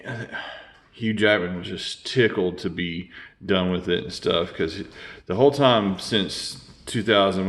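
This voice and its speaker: A man, rambling casually through a toy review with lots of fillers and restarts. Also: low voice.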